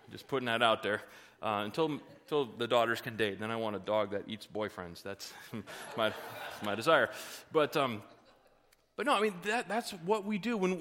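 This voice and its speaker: A middle-aged man delivers a sermon with emphatic force, slipping into wry jokes and rising to shouts. His voice is bright and sits high. The sound carries the long reverb of a large hall. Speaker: pastor.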